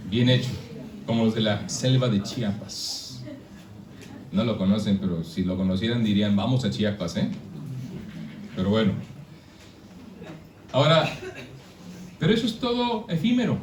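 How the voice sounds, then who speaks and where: A man's voice: medium pitch, distant mic. A man from Mexico preaching a sermon to a congregation, conversational and full of questions to his listeners. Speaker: pastor. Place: church hall. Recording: echoey church, speaker away from the mic.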